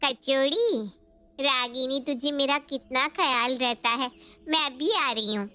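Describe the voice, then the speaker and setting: A gossipy neighbor woman in a cartoon story, voiced by a woman in a high register. She teases her friend freely and chatters about food. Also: slow pace, bright, forceful tone, clean tone, dry recording, exaggerated voice. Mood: teasing. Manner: teasing, gossipy. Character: chatty greedy middle-aged woman neighbor.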